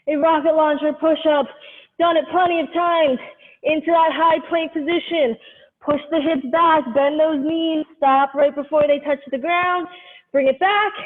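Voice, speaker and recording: Woman teaching a live workout on a headphone mic, high voice, dull muffled sound, calls out moves step by step. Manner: directive, step-by-step cueing. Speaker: fitness instructor leading a live workout class. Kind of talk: live group exercise instruction. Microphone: headphone microphone. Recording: muffled lo-fi headset sound, long reverb.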